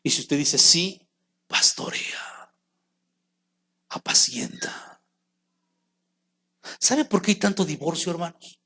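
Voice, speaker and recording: A man's voice: a little high, normal speed, pushed and bright. A man preaching a sermon as pastor, acting out quotes and rising to calls aimed at the congregation.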